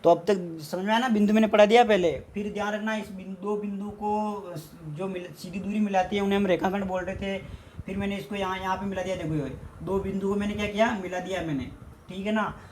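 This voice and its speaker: A man's voice: high-pitched, fairly even intonation, fast, a little mellow, slight background noise. A man from India, teaching an exam-prep math lesson at a board. He repeats his points and asks questions that he answers himself.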